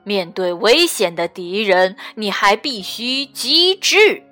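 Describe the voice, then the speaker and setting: A woman voicing a wise, kindly old male toad grandpa who slowly explains his secrets in a storybook tale. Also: mid-range voice, lively intonation, bright, forceful tone, faint music behind, pitched below the performer's own voice. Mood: wise, patient.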